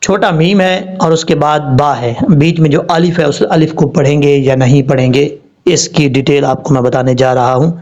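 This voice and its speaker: A man teaching Quran recitation rules, explaining step by step and spelling words out slowly. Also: fairly high pitch, fairly even intonation, darkish tone. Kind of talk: tajweed lesson. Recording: dull lo-fi sound.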